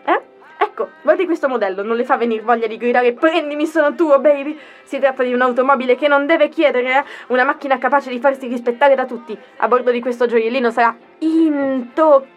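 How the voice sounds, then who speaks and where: A woman's voice: sits high, fairly quick, highs cut off, faint music behind, lightly acted. A woman playing an overbearing car saleswoman, with theatrical sales patter and constant tag questions. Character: pushy fast-talking female car dealer. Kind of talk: comic audio sketch.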